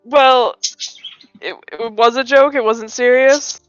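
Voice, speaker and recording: A woman's voice: a little high, fairly even intonation, slow, smooth. A woman playing a tabletop role-playing game, sounding exasperated and fretful. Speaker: player. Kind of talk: tabletop role-play banter. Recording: dull lo-fi audio with faint music.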